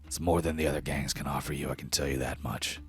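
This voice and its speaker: A man's voice: very deep voice, steady tone, quick pace. A man voicing a boastful, streetwise lizardfolk gang member in a tabletop game.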